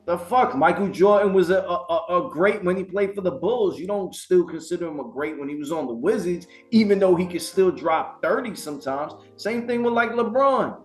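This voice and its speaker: A man co-hosting a casual boxing podcast, ranting in a heated, profane, animated way. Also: high voice, normal speed, hardly any pauses, soft background music. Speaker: podcast co-host.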